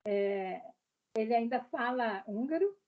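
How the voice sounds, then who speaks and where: A woman's voice: a little high, animated, measured pace, muffled recording. A woman from Brazil, a guest in a casual interview, speaking directly and explaining her views with examples.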